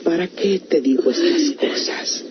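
A noisy, muffled old radio recording of an actress as an older mother, blind and worn out. Her delivery is slow, melodramatic and anguished, in radio-serial style. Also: fairly low pitch, close to an everyday voice. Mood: grieving, weary. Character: grieving, exhausted blind older mother, suspicious and fearful. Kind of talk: old radio drama acting.

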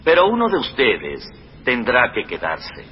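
An actor playing a shrewd, composed governor in a Spanish biblical drama, measured and authoritative. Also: male voice, mid-range voice, huge pitch swings, highs cut off. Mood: stern, knowing. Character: Joseph, shrewd composed governor hiding his identity. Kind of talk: Spanish-language dubbed biblical drama acting.

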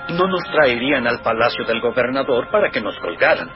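A mid-pitched male voice from an actor with lively inflection, as a grave and sensible brother in a biblical drama. The sound is dull, with music underneath. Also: a little fast, close to an everyday voice. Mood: defensive. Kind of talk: Spanish-language dubbed biblical drama acting.

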